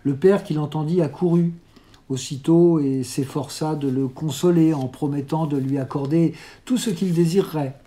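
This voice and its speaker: A reader narrating a classic novel aloud in a measured, unhurried literary reading. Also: mid-range voice, mellow. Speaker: audiobook reader.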